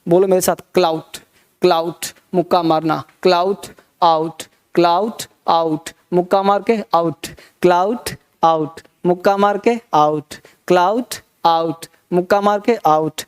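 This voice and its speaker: A man's voice: sits high, fairly even intonation, unhurried, smooth. A man teaching a vocabulary lesson, repeating words in rhythmic drills and leading the class in call-and-response. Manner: repetitive rhythmic drilling of word tricks.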